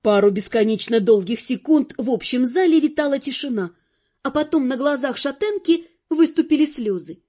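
This audiobook is read by a woman whose high, mellow voice is expressive and wry, moving at a moderate pace. The narration remains scripted throughout, heard through dull, lo-fi sound.

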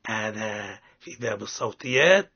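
A man with a Tunisian accent teaching Quran recitation on the radio. He explains step by step and models sounds slowly for listeners to repeat. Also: fairly low pitch, animated, sharp tone, husky. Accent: Tunisian Arabic. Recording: dull lo-fi radio recording.

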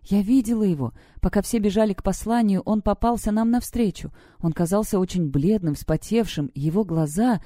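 A woman's voice: moderate pace, few pauses, warm tone, dry recording, studio quality, natural voice. A woman voicing a frightened teenage schoolgirl who turns frantic and threatening. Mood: fearful. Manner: trembling, then shrill and threatening.

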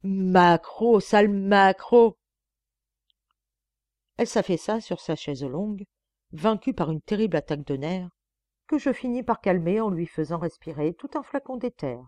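A woman reading a novel aloud as an audiobook, in a steady, measured narration. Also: lowish voice, no echo. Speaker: audiobook reader.

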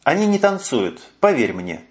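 A man voicing a tired, conciliatory man who speaks in a measured, soothing way, on a muffled recording. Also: mid-range voice, sing-song, natural voice. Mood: placating. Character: tired middle-aged man, calm and conciliatory. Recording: muffled lo-fi audio.

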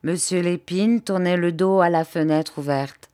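A woman reading a fantasy novel aloud as an audiobook, in a measured, expressive narration. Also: on the low side, no echo, studio quality. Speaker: audiobook reader.

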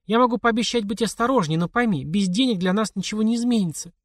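A man reading an audiobook, voicing a sharp-tongued, mocking mother in a high, lifted voice. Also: fast, dry recording, studio quality, natural voice. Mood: stubborn. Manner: mocking, scolding. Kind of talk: audiobook character voice.

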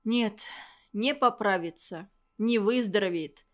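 A woman reading the lines of a grieving middle-aged male village doctor, speaking in pained, halting phrases. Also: mid-range voice, lightly acted. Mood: anguished.

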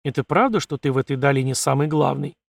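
A man's voice: mid-range voice, fast talker, gravelly, no echo. A man voicing a suspicious, whiny little male desert scavenger who grumbles and pleads. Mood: grumbling.

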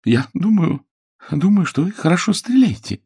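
Storybook young woman, anxious and pleading, played by a male narrator in a thin high falsetto. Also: very animated, moderate pace, gravelly, warm tone, breathy edge, heavily acted. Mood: nervous.

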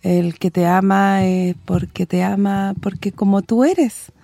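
A woman's voice: medium pitch, steady tone, a little slow, creaky, mellow, no echo. A Chilean woman on a radio talk show, speaking in an earnest, blunt, plain-spoken way. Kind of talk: casual conversation.

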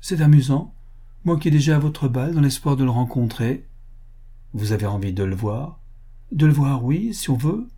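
A man's voice: medium pitch, lively intonation, moderate pace, mellow, slightly rough, pitched above the performer's own voice. A man reading the part of a crude, greedy rich upstart with a blunt, boastful way of talking. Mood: blustering.

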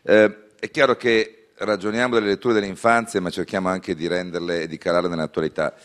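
A man's voice: deep voice, little pitch movement, fairly quick, a bit bright. A man interviewing a guest on the radio, speaking conversationally with hesitant fillers.

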